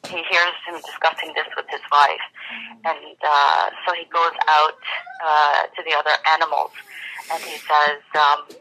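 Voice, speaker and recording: A religious speaker giving a spiritual talk, telling a fable with many pauses, fillers and restarts. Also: mid-range voice, level tone, bright, forceful tone, low-quality recording. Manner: reflective, teaching.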